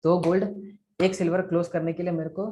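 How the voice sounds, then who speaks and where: A man's voice: sits high, flat delivery, brisk, dark tone. A man who trains affiliate marketers, coaching trainees through sales targets and repeating figures aloud in a live online session over a video call.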